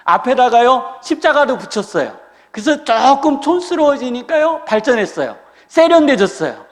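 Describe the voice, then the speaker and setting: High-pitched guy preaching a sermon, jokey and animated, big echoey church. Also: moderate pace. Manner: lively and humorous, acting out quoted people. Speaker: senior pastor. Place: church sanctuary. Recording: reverberant church hall.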